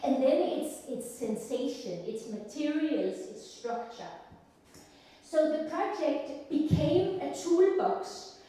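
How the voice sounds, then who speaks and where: A woman in her thirties with a Danish accent, giving an academic lecture in an unhurried, thoughtful way with frequent pauses. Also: sits high, animated, mellow. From Denmark. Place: large lecture hall. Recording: echoey hall, distant mic.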